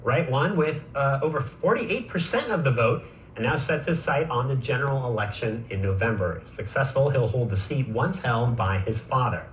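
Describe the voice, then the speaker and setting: A man hosting a political news program, asking questions in a brisk, conversational way. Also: medium pitch, animated, echoey room, slight background noise, poor audio. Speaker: TV news host.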